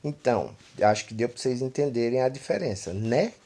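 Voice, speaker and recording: A man's voice: medium pitch, expressive, brisk, mellow. A man from Pernambuco with a Northeastern Brazilian accent, teaching an online English lesson and filling his explanations with "né" and "tá". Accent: Northeastern Brazilian Portuguese. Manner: explanatory, repeats "né" and "tá" constantly.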